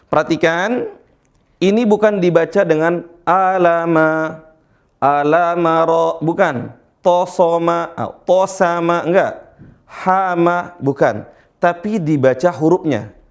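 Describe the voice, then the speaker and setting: Slow, patient man teaching Quran recitation. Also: a little high. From Indonesia. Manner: patient, repeats letters slowly, checks understanding. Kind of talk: slow explanatory lesson with drawn-out recitation.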